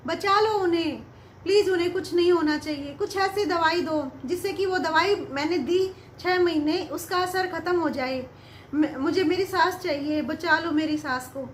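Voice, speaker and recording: A woman's voice: extremely high pitch, normal speed, a little hiss or hum. A woman voicing an earnest young daughter-in-law. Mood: pleading. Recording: roomy echo.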